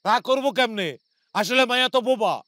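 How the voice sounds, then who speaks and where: A man's voice: very high-pitched, fairly quick, pushed and bright, no room sound, studio quality. An actor playing a bitter village man who mocks a marriage in a TV drama. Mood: scornful. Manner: scornful and mocking. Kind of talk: TV drama acting.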